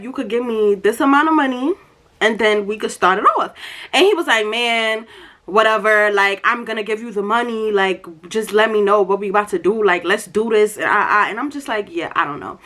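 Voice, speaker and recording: A young woman, a little tipsy, telling a story to viewers in an animated, slangy, emphatic way and acting out dialogue. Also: on the high side. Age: young adult. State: tipsy from drinking. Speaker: storytime vlogger.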